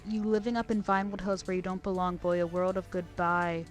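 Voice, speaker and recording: A woman's voice: fairly low pitch, level tone, fairly quick, faint music behind, close to an everyday voice. Woman reading out a sneering boastful aunt. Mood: scornful. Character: scornful boastful middle-aged aunt.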